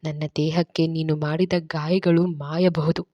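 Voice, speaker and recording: A woman's voice: level tone, measured pace, no echo, highs cut off. A woman voicing a hurt and angry young heroine in a dramatized romance story reading, accusing and pained. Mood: bitter. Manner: accusing, pained, raised pitch. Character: young woman, wounded and furious.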